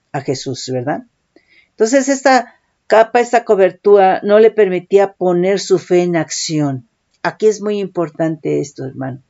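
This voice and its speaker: A woman's voice: fairly low pitch, warm tone. A woman preaching a sermon, often calling listeners "brother" and checking in with "right?". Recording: dull lo-fi recording.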